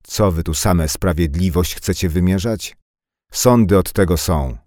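Man doing a gruff, stern old village carpenter. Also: low-pitched, measured pace, no room sound, clean studio sound, voice pushed up. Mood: stern commanding. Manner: sharp, commanding, loud. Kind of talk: audiobook character voice.

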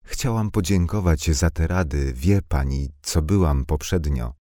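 A man's voice: very deep voice, measured pace, mellow, dry recording, clean studio sound. A man voicing a talkative, blunt young village woman with slangy, impulsive speech. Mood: chatty.

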